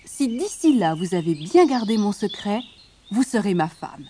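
A woman voicing a courteous young prince who speaks in a measured, formal way. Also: medium pitch, sing-song, warm tone, slight background noise, natural voice. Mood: courtly.

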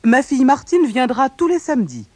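A reader voicing a loud bossy mayor. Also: male voice, very animated, a little fast, no room sound, exaggerated voice. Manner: loud, commanding, raised pitch. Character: pompous bossy rich middle-aged village mayor. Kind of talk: storybook reading.

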